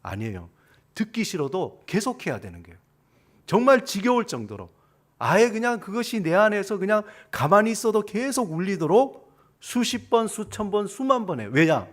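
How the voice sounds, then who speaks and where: A man's voice: sits high, sing-song, moderate pace. A middle-aged man preaching a sermon as a pastor. He speaks straight to his congregation with questions and acts out the voices of others in quoted lines.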